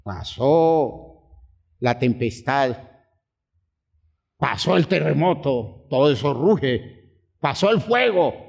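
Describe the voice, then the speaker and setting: A man preaching a sermon as pastor, swinging between hushed, quiet lines and high, pleading outbursts. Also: animated, takes it slowly, creaky, pauses often.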